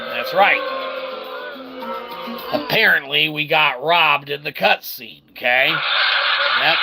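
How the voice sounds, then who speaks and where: Over loud video game music, a man rambles through a let's-play as a game streamer, keeping it casual and chatty and tacking "okay" and "all right" onto his comments. His fairly high voice sounds creaky, and the recording is rough.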